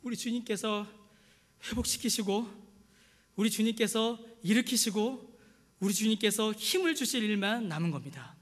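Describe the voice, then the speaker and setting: A middle-aged pastor with a notably high voice delivers an earnest sermon, calling out to his congregation again and again. He tells his stories through questions put to the listeners. His voice rings out with a long reverb in a church hall. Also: moderate pace. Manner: earnest, repeated direct appeals to the congregation; storytelling with rhetorical questions. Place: church sanctuary.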